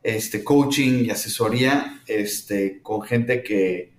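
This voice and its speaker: A middle-aged man from Mexico with a Mexican accent, answering interview questions thoughtfully with many pauses and fillers. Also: on the low side. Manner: thoughtful, hesitant with frequent fillers. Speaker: startup founder, guest. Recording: roomy echo.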